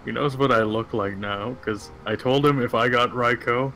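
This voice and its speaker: A man co-hosting a game stream in casual chat, blunt and teasing with quick asides. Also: medium pitch, steady tone, bright, forceful tone, soft background music, rough recording.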